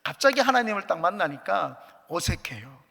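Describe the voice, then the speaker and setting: A man's voice: sits high, big pitch swings, moderate pace, vocal fry, bright, forceful tone. A man, a pastor, preaching a sermon as earnest personal testimony with light jokes, in a church sanctuary. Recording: echoey church hall.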